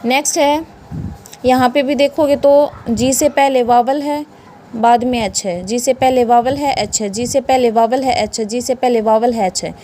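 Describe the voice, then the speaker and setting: A woman's voice: a little high, measured pace, warm tone, slight background noise. A woman with an Indian accent teaching English pronunciation in a classroom style. She spells words letter by letter and asks questions that she answers herself.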